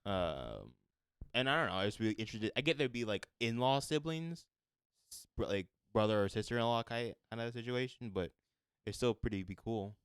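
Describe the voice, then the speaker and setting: A young man in casual podcast chat, earnest and rambling, catching and correcting himself as he goes. His pitch moves a lot, and his tone is smooth and clear. He sits close to the mic in a dry room. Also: animated, a little fast, dry recording. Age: young adult. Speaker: podcast co-host.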